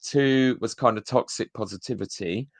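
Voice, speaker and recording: A man co-hosts a video-call show, offering blunt, sardonic commentary as he reviews church talks. His lowish voice moves at normal speed, and there's no echo.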